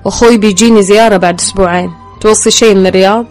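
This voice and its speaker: A woman's voice: mid-range voice, fairly even intonation, very fast, darkish tone, soft background music, natural voice. A woman voicing a casual, teasing young man who speaks, in an audiobook. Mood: bantering. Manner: colloquial, bantering.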